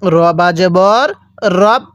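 A man with a Bangladeshi Bengali accent teaching Quran reading, spelling out syllables slowly and drilling the listener to repeat after him. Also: high-pitched, a bit bright, no echo, lo-fi sound. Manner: slow, repetitive drilling with call-and-repeat prompts. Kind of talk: spelling-out recitation lesson.

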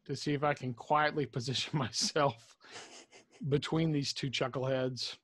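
A man's voice: mid-range voice, steady tone, unhurried, a bit bright, slightly rough, no echo, studio quality. A man playing in a tabletop game, chatty and joking, thinking aloud as he goes. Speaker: player. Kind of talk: casual tabletop play.

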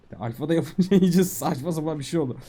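A man giving casual, excitable commentary while playing a video game, talking to himself and the creatures on screen. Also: fairly high pitch, fast, husky. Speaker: gaming YouTuber.

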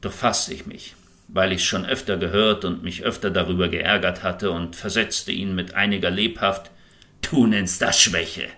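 A man reading an audiobook in an expressive, impassioned way. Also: low voice, moderate pace. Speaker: audiobook reader. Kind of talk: scripted audiobook narration.

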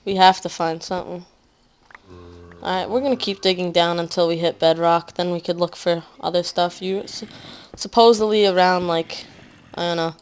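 A woman giving casual let's-play commentary at home, rambling with lots of fillers and often trailing off quietly. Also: fairly low pitch, steady tone, normal speed, clean tone. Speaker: gaming commentator.

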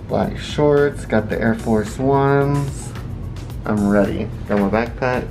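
A man of thirty, a nurse, talking casually and self-consciously while vlogging with a handheld camera, mostly outdoors, with the odd laugh. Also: medium pitch. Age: 30s. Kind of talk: casual travel vlog. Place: outdoors at the beach and around town, also a hotel room. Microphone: handheld camera at arm's length. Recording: music playing underneath.

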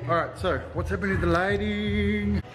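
With a high voice, a steady tone and normal speed, a salon-owning vlogger in his thirties, originally from Samoa, talks casually and cheerfully to the camera he holds close. He adds "yo" to his lines as the clip moves from a parked car to a hair salon.

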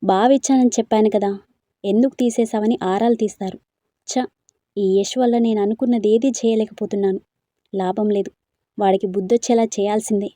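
A woman reading a storybook, voicing a stubborn, quick-tempered young woman with sharp, scolding retorts. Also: mid-range voice, steady tone, no echo, natural voice. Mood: fuming.

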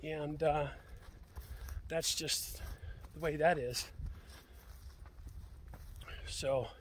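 Man, fairly high voice, out of breath, plainspoken, emphatic, outdoors. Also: fairly even intonation, drawn-out words, slight background noise. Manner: plainspoken, emphatic, restarts phrases. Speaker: homestead vlogger. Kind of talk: casual outdoor vlog. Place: outdoors on ranch land.

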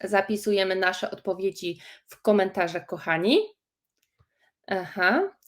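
A woman teaching English phrases in a live stream, slow and encouraging as she reads out viewers' comments. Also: medium pitch. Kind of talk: live-streamed language lesson.

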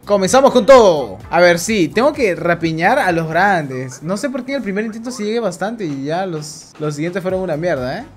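A man, giving live commentary as a gaming streamer, swearing often and breaking into loud outbursts. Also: high voice, animated, moderate pace, hardly any pauses, soft background music. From Peru.

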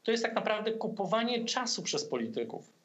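A Polish-accented man in his fifties talks through a laptop webcam from a room at home. His voice sits high for a man, and he hesitates, breaking off with fillers and restarts as he argues his point in a political discussion. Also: big pitch swings, fairly quick, a bit bright. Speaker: political commentator guest. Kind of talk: video-call political discussion. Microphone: laptop webcam on video call.

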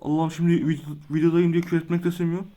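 A man's voice: fairly high pitch, little pitch movement, racing, warm tone. A young man commenting casually on his own gameplay, easily frustrated and swearing at his opponent. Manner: hot-tempered, swears and groans in frustration. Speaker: gaming video creator. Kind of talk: casual live commentary while playing a game.

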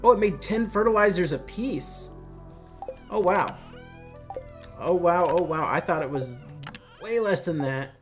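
A man's voice: high-pitched, expressive, measured pace, pauses often, faint music behind. A man hosting a casual let's play, musing aloud and chatting as he plays. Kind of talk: casual gameplay commentary.

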